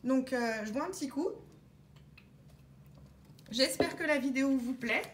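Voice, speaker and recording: Slow, methodical woman spelling letters. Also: high voice, slight background noise. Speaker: scratch-card vlogger. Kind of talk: casual narration while scratching tickets. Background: scratching sounds.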